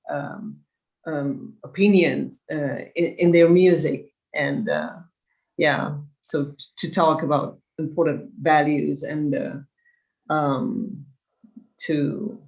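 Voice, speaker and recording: A woman speaks very slowly in a mid-to-low pitched voice, pausing often to find words. She gives her opinion casually, as a panel reviewer. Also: vocal fry, poor audio. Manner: hesitant, searching for words. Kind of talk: casual, halting spoken review.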